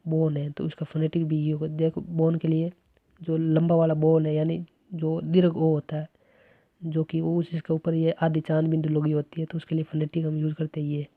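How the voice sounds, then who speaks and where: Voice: mid-range voice, completely flat delivery, moderate pace, dry recording. A teacher explaining a phonetics lesson step by step, often checking in with the listener. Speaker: English teacher. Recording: dry, tinny phone-like recording.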